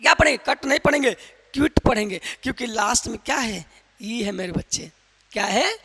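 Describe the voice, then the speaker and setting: A man teaching English pronunciation in a loud, emphatic classroom manner, quizzing his viewers with repeated questions. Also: very high-pitched, animated, fairly quick, breathy edge, long reverb tail. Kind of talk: classroom lesson in Hindi with some English.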